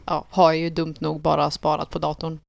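A young woman co-hosting a casual chat podcast, telling her story in a matter-of-fact way with small pauses and dry laughs. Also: sits low, completely flat delivery, creaky, no echo. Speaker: podcast co-host.

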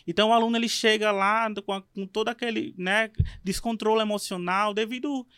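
A man's voice: high-pitched, fairly even intonation, a little fast, pushed and bright, clean tone, no room sound, clean studio sound. A man hosting a podcast, thinking aloud in a reflective way with many fillers. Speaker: podcast host. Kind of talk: podcast conversation.

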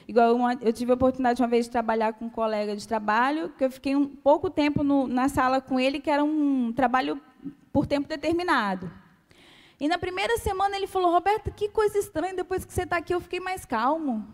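A woman with a Brazilian Portuguese accent giving a calm, soft-spoken testimony sermon to a church. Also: sits high. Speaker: church speaker. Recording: long hall reverb.

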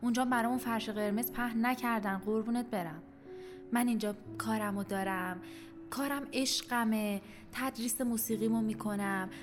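A woman's voice: a little high, steady tone, close to an everyday voice. Woman playing a teasing, stubborn music teacher. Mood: earnest. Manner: playful teasing, then earnest pleading. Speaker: character in a radio drama. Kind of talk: radio drama acting.

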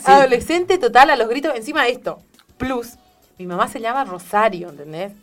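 A woman's voice: on the high side, expressive, fairly quick, a bit bright, soft background music. A woman from Corrientes with an Argentine accent, telling a story in casual chat and acting out the quoted voices. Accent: Argentine Spanish.

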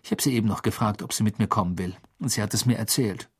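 A man voicing a panicked, clumsy teenage boy wizard in a pitched-up, strained, husky voice. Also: fast. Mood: glum.

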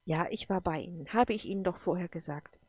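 A woman's voice: lowish voice, brisk, a little mellow, no echo, natural voice. A woman reading the part of a kind visitor at a sickbed, speaking carefully and reassuringly.

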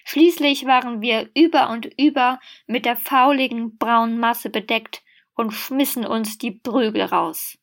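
A woman reading a story aloud, acting out the shouted lines in the dialogue. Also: on the high side, measured pace. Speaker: reader.

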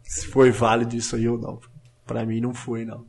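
A man with a slangy, animated way of talking, co-hosting a casual podcast chat with frequent restarts. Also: mid-range voice, a little fast. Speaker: podcast co-host.

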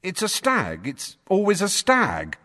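A fifteen-year-old boy pleads his case in a very high, urgent voice, impatient and desperate, as a male narrator puts him on. A long reverb trails after his words. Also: huge pitch swings, a little slow, bright, forceful tone, full character voice. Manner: insistent, urgent.

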